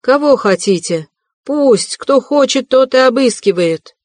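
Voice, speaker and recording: A woman voicing a desperate, consumptive poor widow who cries out in a hoarse, shrill voice in an audiobook reading. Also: lively intonation, measured pace, dry recording. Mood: furious. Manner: frantic pleading shouts.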